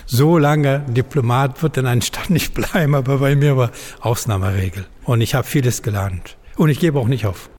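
A man in his seventies from Afghanistan with an Afghan accent, a former diplomat speaking earnestly in halting German with many fillers. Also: medium pitch, a little mellow. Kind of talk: interview testimony. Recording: long hall reverb.

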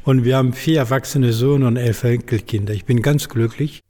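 A man in his seventies from Afghanistan with an Afghan accent, a former diplomat speaking earnestly in halting German with many fillers. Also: medium pitch, fairly even intonation, mellow. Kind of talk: interview testimony. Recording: long hall reverb.

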